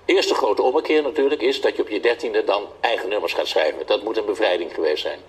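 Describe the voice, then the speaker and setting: A man's voice: lowish voice, fast, poor audio. Dutch-speaking male interviewer, teasing and probing. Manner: probing, teasing questions with frequent tag words. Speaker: interviewer and narrator. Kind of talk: warm interview and voice-over narration.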